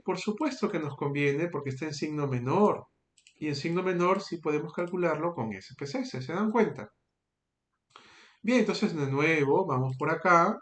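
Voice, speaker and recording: Male teacher, patient step-by-step explainer, fairly high voice, echoey room. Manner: patient, checks in with frequent tag questions. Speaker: statistics teacher. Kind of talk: screen-recorded tutorial.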